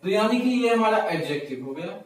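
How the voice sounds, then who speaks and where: A man with a high voice teaches a grammar lesson in a very echoey room. He explains patiently, repeats key words and asks himself questions. The mic sits well away from him. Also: expressive, brisk, far from the mic. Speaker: English teacher. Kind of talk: classroom-style grammar lesson.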